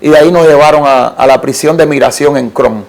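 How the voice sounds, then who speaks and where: A man from Cuba with a Cuban Spanish accent, telling an animated story as an interview guest, with halting restarts and repeated words. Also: on the high side. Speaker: interview guest, art collector.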